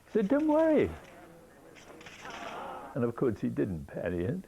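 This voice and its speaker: Very gravelly man telling a story slowly. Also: medium pitch, big pitch swings, dark tone, dull audio, slight background noise. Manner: vivid storyteller, slow. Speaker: interviewee. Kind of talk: documentary interview.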